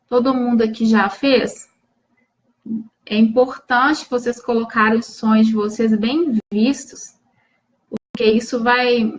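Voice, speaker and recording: Brazilian woman talking on a live stream, bit high voice, restarts a lot, calls out viewers by name. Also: highs cut off. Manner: earnest, repeats and restarts phrases, addresses viewers by name. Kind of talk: live stream coaching talk.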